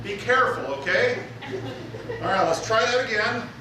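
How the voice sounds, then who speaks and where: High-voiced male magician, jokey showman patter, teasing a volunteer, very echoey theater recording. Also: normal speed, a crowd in the background. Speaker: stage magician. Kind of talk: live comic magic show patter with an audience volunteer. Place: theater stage, live before an audience. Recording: echoey theater from far off, noisy.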